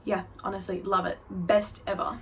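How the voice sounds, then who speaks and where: A woman's voice: little pitch movement, moderate pace. Chatty young woman, candid storytelling. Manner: chatty and candid, voice jumping up high for emphasis. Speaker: vlogger. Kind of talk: casual storytelling to camera.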